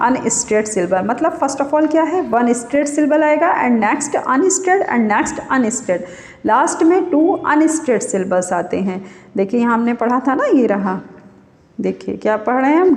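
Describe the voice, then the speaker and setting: A woman's voice: a little high, darkish tone. Teacher woman in an echoey room. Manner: explains by asking and answering her own questions. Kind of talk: exam-prep literature lesson. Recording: echoey room with long reverb.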